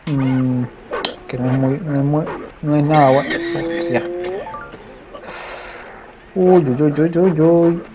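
A young adult man doing excitable let's play commentary, talking to viewers with frequent exclamations. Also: a little high, slow, long pauses. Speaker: gaming youtuber. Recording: slightly dull home mic with faint noise.

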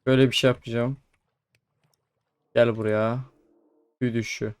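A young man giving casual commentary over his own gameplay, chatting to the creatures on screen and breaking into excited exclamations. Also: medium pitch, normal speed, clear, resonant tone, no room sound. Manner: chatty, talks to mobs, frequent excited exclamations. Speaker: gaming YouTuber. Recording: faint background music.

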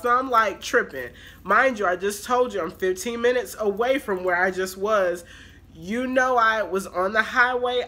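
Woman vlogger, congested and nasal, chatty and filler-heavy, bright tone. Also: medium pitch. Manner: rambling, filler-heavy talk. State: congested with allergies. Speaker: haul vlogger. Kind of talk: casual chatty vlog.

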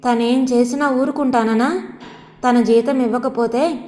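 Woman reading as a sulky, scornful young husband, fairly high voice, long reverb. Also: fairly even intonation, unhurried, mellow, natural voice. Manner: scornful, complaining.

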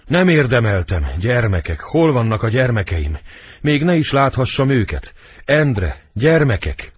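A man's voice: fairly low pitch, sing-song, fairly bright tone, slightly rough, dry recording, pitched above the performer's own voice, heavily acted. A proud dying queen, as a man reads her. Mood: desperate. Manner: raised, pleading stage delivery. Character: proud dying queen, middle-aged woman.

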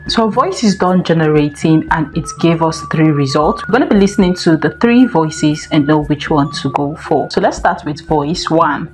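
A woman with a somewhat low voice guides viewers through a screen-recorded software tutorial one step at a time. Her delivery is steady and instructional, with faint music underneath. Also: normal speed, hardly any pauses. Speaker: tech tutorial host.

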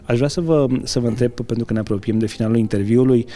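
A middle-aged man from Romania, a TV interviewer asking leading, flattering questions with some hesitant fillers. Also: mid-range voice. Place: restaurant lounge with fireplace. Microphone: handheld branded mic.

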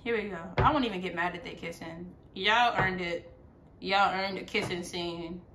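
A woman hosting a reaction video, chatty and exclaiming, quick to laugh at what she watches. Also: lowish voice, steady tone, over music. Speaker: video host reacting to a series. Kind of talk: casual reaction commentary.

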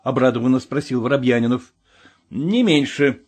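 A man's voice: mid-range voice, moderate pace, husky. A man narrating an audiobook, reading the prose and voicing a brash, witty con man. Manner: lively, mocking when voicing the swindler hero. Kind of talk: audiobook reading with character voices.

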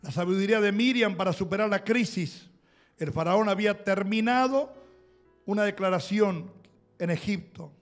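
A man's voice: high voice, normal speed, soft background music. A male pastor with a Rioplatense accent preaching a sermon, emphatic and exhorting, calling on the congregation to repeat after him. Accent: Rioplatense Spanish. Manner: emphatic, exhorting, with audience call-and-response. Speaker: apostle and pastor.

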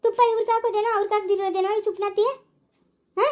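A woman playing a quarrelsome, sharp-tongued village woman in a rural family drama. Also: very high voice, flat delivery, rapid-fire. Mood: scolding.

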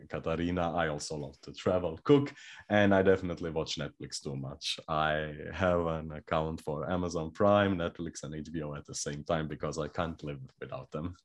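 A man's voice: rumbling low, steady tone, normal speed. A young man from Croatia, a developer relations engineer, introducing an online workshop in an easygoing, self-deprecating way. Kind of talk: live online technical presentation. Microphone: video call webcam mic.

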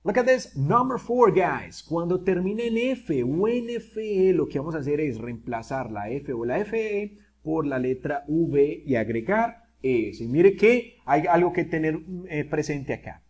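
Lively Spanish-speaking male English teacher. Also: a little high, a little slow, few pauses. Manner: lively, asks students questions, mixes in English examples. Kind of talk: classroom-style video lesson.

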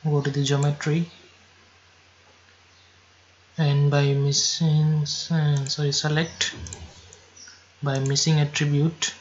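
A man giving slow, step-by-step software instructions over a screen recording, now and then correcting himself. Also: a little high, level tone, dull audio, a little hiss or hum.

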